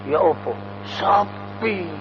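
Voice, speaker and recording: Man, East Javanese accent, preacher, high voice, recites verses then explains, echoing hall, muffled sound, faint hum. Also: animated, takes it slowly. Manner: recites Arabic verses then explains them in a homely, joking tone. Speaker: Islamic preacher. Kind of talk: mosque lecture sermon.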